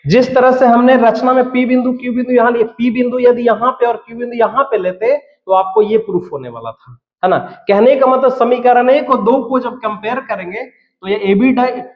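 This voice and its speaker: A man's voice: extremely high pitch, normal speed. A man teaching a school maths lesson, walking through a proof step by step, repeating terms and answering his own questions. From Bihar, India. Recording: roomy echo, dull lo-fi sound.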